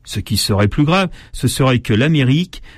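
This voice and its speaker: A man's voice: mid-range voice, expressive, normal speed, no room sound, studio quality. A man reading aloud from old newspapers and breaking off to comment, with many fillers and restarts. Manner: hesitant, many fillers and restarts between read passages.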